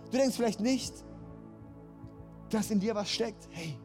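A man's voice: high voice, measured pace, music in the background. A man preaching a sermon, passionate and building to emphatic, repeated calls. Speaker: pastor.

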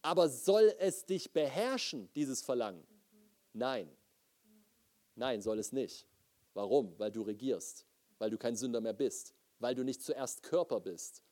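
A man preaching a lively sermon, often putting questions to his audience. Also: mid-range voice, unhurried.

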